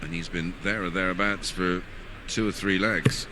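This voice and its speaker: Low-voiced male darts commentator, noisy venue. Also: steady tone, normal speed. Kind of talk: conversational live sports commentary. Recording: clear venue noise behind commentary.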